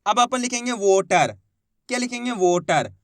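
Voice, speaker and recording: A man teaching Hindi reading in a slow step-by-step lesson, patiently repeating each word and sounding out syllables. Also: sits high, lively intonation, fairly bright tone, no echo, studio quality.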